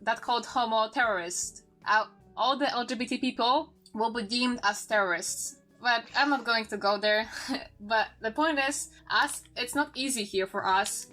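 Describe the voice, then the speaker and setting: A woman of twenty-one from Poland, a native Polish speaker with a Polish accent, talking as a podcast guest in a halting way, restarting phrases and searching for words. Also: on the high side, bright, forceful tone, faint music behind. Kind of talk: casual podcast chat.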